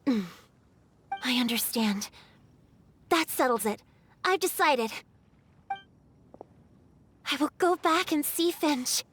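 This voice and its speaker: An actress playing a gentle, lovelorn female water spirit in a game, speaking softly in a measured, melancholic way. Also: high-pitched, lively intonation, slight background noise, full character voice. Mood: quietly resolved. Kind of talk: video game cutscene acting.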